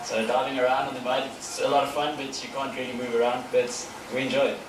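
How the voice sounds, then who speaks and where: A man in his 30s, a paintball player, gives casual answers in an outdoor interview, full of fillers and restarts. His mid-range voice is flat and he talks fast over crowd noise. The recording is echoey and noisy, with the mic far away.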